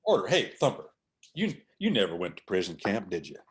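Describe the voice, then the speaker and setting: Pitching low but swooping wildly, this male host talks fairly quickly. His conversation about faith and order leans on emphatic repetition, much like a preacher.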